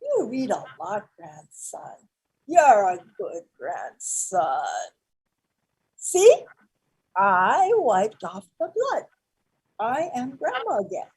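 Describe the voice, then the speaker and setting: An actress playing a feisty, loving old grandmother in a stage play, speaking broken English and swinging between shouts and hushed murmurs. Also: mid-range voice, wildly swooping pitch, slow, pauses often, breathy edge, exaggerated voice, poor audio. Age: older. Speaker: actor. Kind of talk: live-streamed stage play.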